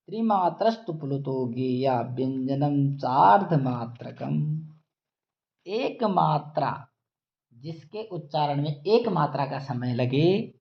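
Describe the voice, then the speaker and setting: A male Sanskrit grammar teacher giving a slow lecture, chanting rules and then explaining them, and stretching vowels out to show their length. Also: a little high, vocal fry. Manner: drawls out vowels to demonstrate length. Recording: dull lo-fi audio.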